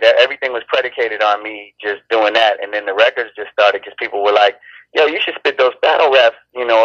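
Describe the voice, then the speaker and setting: Laid-back and rambling, a Chicago-born, Los Angeles-raised rapper chats in an interview, often restarting his sentences. His voice is lowish with a fairly bright tone; there's no room sound, and the highs are cut off.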